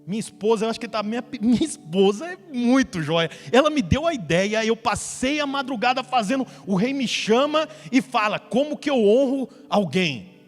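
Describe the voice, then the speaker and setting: Male pastor, very high voice, lively storyteller, church hall echo with faint music. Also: normal speed. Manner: lively storytelling preacher who acts out the characters. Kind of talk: sermon.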